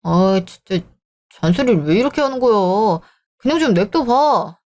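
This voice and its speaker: A woman's voice: medium pitch, animated, moderate pace, a little mellow, natural voice. A woman voicing a selfish, dismissive young married man in a radio drama, talking scornfully. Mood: irritated. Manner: scornful, bickering. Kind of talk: Korean radio drama acting.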